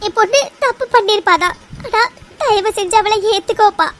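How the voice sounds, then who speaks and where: A woman's voice: very high-pitched, fairly quick, a bit bright, slight background noise. A woman voicing a desperate mother who sobs and begs for her daughter's future in a cartoon. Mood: begging. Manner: sobbing, imploring. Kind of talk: cartoon voice acting.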